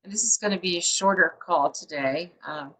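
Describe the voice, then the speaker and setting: A woman publisher hosts a book show over a video call, chatting casually and rambling with lots of fillers in an interview-style conversation. Her voice sits on the low side and is a bit bright, at a moderate pace, on a rough recording.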